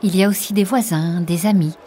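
A woman narrating a learner's storybook in a slow, clear, evenly articulated way. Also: on the low side, slight background noise. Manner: slow, even and carefully articulated. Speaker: audiobook narrator.

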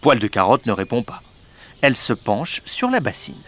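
A man narrating a storybook reading in a lively, expressive way. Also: medium pitch, normal speed.

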